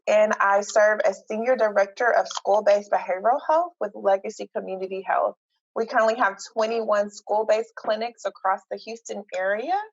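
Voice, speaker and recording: A woman therapist introducing herself on an online panel in a composed, fluent way. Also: medium pitch. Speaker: therapist and clinical director. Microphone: video call. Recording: dull lo-fi video call audio.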